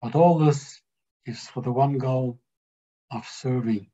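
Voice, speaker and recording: A man giving a slow, measured spiritual teaching to a group, stressing key words. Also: mid-range voice, mellow, lo-fi sound. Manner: slow, measured, emphatic delivery.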